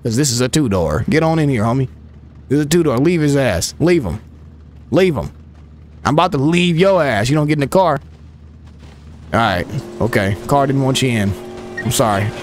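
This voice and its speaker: A young man swearing, trash-talking and shouting at characters while commentating his gameplay. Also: mid-range voice, expressive, normal speed, pauses often. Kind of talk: profane running commentary over gameplay.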